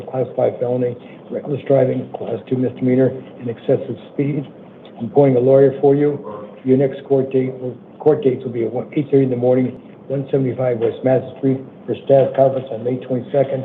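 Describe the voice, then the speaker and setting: Male judge, American, weak voice, procedural and plain-spoken delivery, thin phone-like sound with faint noise. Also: mid-range voice. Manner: plain-spoken, informal, halting with repeated checks for understanding. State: weak voice that day. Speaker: judge presiding over initial appearance hearings. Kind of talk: procedural courtroom address, reading charges and release terms. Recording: tinny phone-like courtroom audio, faint noise.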